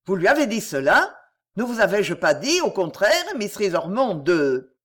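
A woman reading the lines of an earnest, stern young gentleman in an audiobook. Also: mid-range voice, big pitch swings, a little slow. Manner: earnest, firm.

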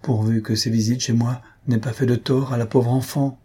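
A man's voice: medium pitch, steady tone, normal speed, mellow, breathy edge, lightly acted. Man reading a shy, kindly old professor. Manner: hesitant, self-conscious. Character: shy, kindly, middle-aged male professor.

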